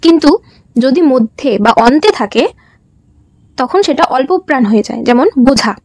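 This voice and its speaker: Young woman, from West Bengal, India, high voice, dry close recording, presentation lesson, answers her own questions. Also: normal speed, dry recording. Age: young adult. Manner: explains in a steady question-and-answer pattern. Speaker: student teacher presenting.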